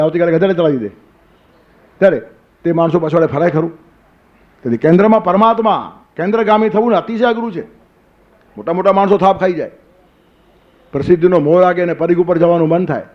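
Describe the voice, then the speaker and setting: A man's voice: a little high, muffled recording. An older man giving a spiritual discourse, telling stories, asking rhetorical questions and quoting verses. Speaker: spiritual teacher. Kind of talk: Gita discourse sermon.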